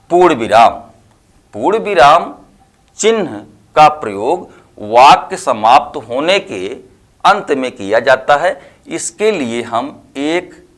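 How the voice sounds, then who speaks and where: A man teaching grammar in a lesson, explaining slowly and deliberately with worked examples. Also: fairly high pitch, a bit bright. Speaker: Hindi teacher. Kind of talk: classroom-style lesson.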